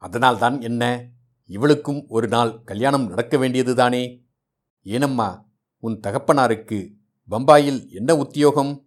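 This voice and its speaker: A man's voice: medium pitch, measured pace, long pauses, close to an everyday voice. A man reading aloud voices a blunt, nosy older priest who asks prying questions.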